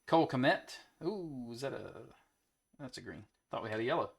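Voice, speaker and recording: A man's voice: mid-range voice, expressive, moderate pace, breathy edge. A young adult man hosting a trading card break, chatting casually and calling out player names as he opens packs. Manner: easygoing, rattles off player names between chat. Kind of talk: casual chat while opening card packs.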